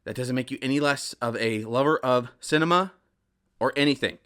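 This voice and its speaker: With a medium-pitched, somewhat bright voice and a fairly quick delivery, a twenty-something man runs his podcast solo. He chats loosely and forcefully, rambles, and repeats himself, sounding a little stuffed up.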